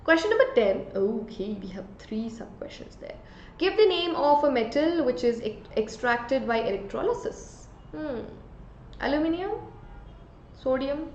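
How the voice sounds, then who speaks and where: A woman's voice: high-pitched, lively intonation, unhurried, pauses often, a little mellow, a little hiss or hum. A woman with an Indian accent teaching an exam revision lesson, explaining by asking questions and answering them herself. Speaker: chemistry teacher. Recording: echoey room, slightly dull sound.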